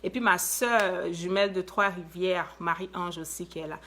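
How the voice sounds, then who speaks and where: Animated Ivorian woman giving a motivational talk. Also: lowish voice, moderate pace. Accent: Ivorian French. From Ivory Coast. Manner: emphatic and animated, with repetitions and rhetorical questions. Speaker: motivational speaker. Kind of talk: inspirational live talk.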